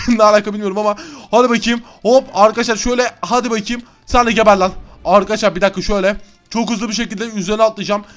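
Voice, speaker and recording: Young man, gaming commentary, high voice, rapid-fire, excitable and loud. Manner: excitable, chatty, often yells and laughs. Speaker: gaming YouTuber. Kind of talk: Minecraft let's-play commentary.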